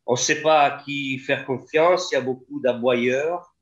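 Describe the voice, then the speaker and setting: A man who works as a sound engineer, chatting as a guest over a video call in a halting way, with many fillers. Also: mid-range voice, highs cut off.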